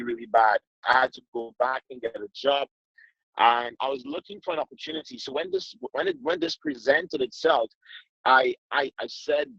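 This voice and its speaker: A man from Trinidad and Tobago, giving an earnest sales pitch on a conference call, often repeating his words. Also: gravelly, a bit bright, husky, dry recording. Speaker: business presenter. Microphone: phone. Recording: muffled dry phone-call audio.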